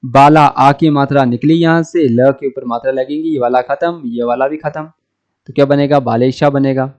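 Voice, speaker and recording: A man's voice: medium pitch, fairly even intonation, moderate pace, darkish tone, muffled recording. A man with a Hindi accent teaching a grammar lesson, walking through each example step by step and asking himself rhetorical questions. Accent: Hindi, North India. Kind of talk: blackboard lesson explaining grammar.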